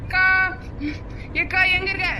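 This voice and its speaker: Bright whiny biryani-crazy village girl, voiced by a woman. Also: very high voice, monotone, unhurried, slight background noise, heavily acted. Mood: pleading. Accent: southern Tamil. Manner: pleading, whiny. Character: greedy young village woman mad about biryani. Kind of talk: cartoon voice acting.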